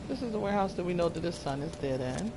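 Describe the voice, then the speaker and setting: A woman with a creaky voice giving casual commentary as she plays a video game. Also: on the low side, lively intonation, fast, background noise. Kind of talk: casual let's-play commentary. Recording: game music behind the voice.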